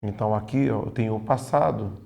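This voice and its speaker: A man with a Brazilian accent teaching a casual online grammar lesson for exam prep, often slowing down to stress key points. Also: fairly low pitch, creaky, warm tone. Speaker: Portuguese teacher.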